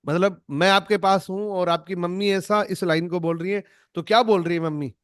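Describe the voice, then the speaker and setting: A man's voice: high-pitched, steady tone, moderate pace, clear, resonant tone, no room sound, studio quality. A man leading an online network marketing training, emphatic and demonstrative, acting out lines to show tone. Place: online video call.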